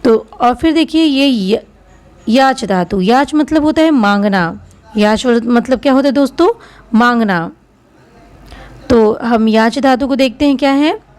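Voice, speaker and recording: A woman runs a Sanskrit grammar lesson at a slow, careful pace. Her voice sits fairly high as she reads out each verb form. She repeats whole tables so learners can follow along. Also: a little mellow. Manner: slow, drills word forms aloud one by one, asks "friends" questions. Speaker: Sanskrit teacher.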